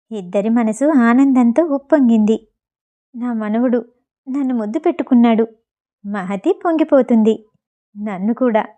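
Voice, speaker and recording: A woman's voice: fairly high pitch, warm tone. A woman reading a family novel aloud as an audiobook narrator, giving the characters' lines in her own voice.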